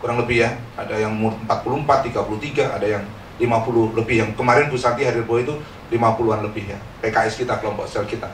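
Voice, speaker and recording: A middle-aged man, a pastor, preaching a lively, joking sermon and calling on the congregation to say amen. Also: on the low side, very fast, slight background noise. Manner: lively and joking, calls for amens. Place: church. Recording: echoey church hall, distant mic.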